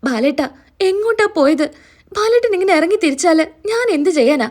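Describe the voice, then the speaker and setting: A woman's voice: extremely high pitch, animated, brisk, a little mellow, voice pushed up. A woman retelling a story, voicing an anxious wife crying over her missing husband. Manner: tearful, anxious.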